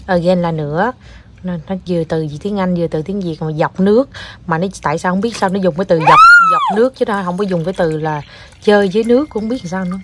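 A woman's voice: fairly low pitch, fast, noisy background. Chatty mother laughing through stories. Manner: animated, laughs while retelling her child's words. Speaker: mother and vlogger. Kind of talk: casual chat to camera.

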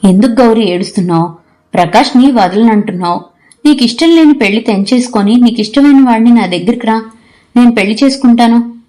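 A woman reading out a frank, teasing young man in an audio story, in a calm, explaining manner. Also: a little high, brisk, natural voice.

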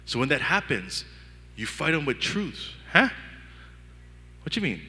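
A man from Hawaii with a Pidgin-tinged accent, preaching a sermon with lively storytelling and acted-out inner dialogue. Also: a little high, measured pace, in a large hall. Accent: Hawaiian Pidgin-tinged English. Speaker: pastor. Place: church hall.

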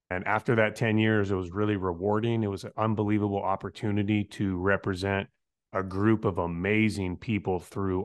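A middle-aged man, a firefighter, telling stories as a podcast guest in a casual, animated way, acting out quoted dialogue with laid-back slang. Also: lowish voice. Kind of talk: casual interview storytelling.

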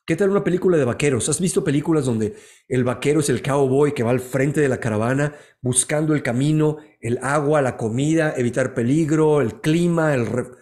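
An energetic male coach talks on a live stream, teaching and stopping to greet viewers by name. His voice sits a little on the high side for a man. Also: a little fast. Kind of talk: motivational live-stream talk.

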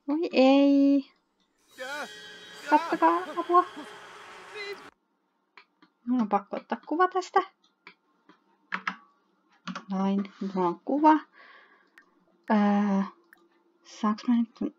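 A woman giving casual let's-play commentary, chatting to viewers, reading game text aloud and letting out excited shrieks. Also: mid-range voice, muffled recording, slight background noise. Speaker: gaming YouTuber.

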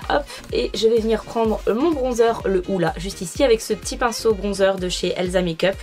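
A woman's voice: mid-range voice, normal speed, darkish tone, faint music behind. A young adult woman talking casually through a makeup tutorial as a beauty vlogger, with frequent fillers. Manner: chatty, many fillers.

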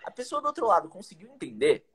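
This young man from Brazil, an English teacher, speaks at a quick pace in a high, breathy voice whose pitch swoops wildly. He chats energetically on a video call, full of slang and rhetorical questions, sharing teaching tips in a casual live stream. The sound comes through a webcam in a small indoor room.

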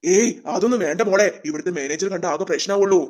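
A performer voicing a poor, gentle old man who works in a Santa costume and speaks softly and tenderly. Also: mid-range voice, fast talker, close to an everyday voice. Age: older.

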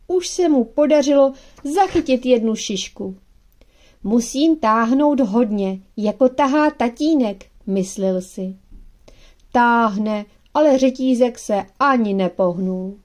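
Female narrator, slightly high voice, gentle measured read for kids' audiobook.

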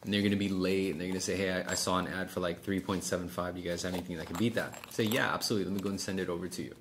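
A middle-aged man speaks very fast in a low, steady voice while coaching one person in a small office meeting room. He explains things casually, role-plays sales conversations and checks in frequently, and the room noise is clearly audible.

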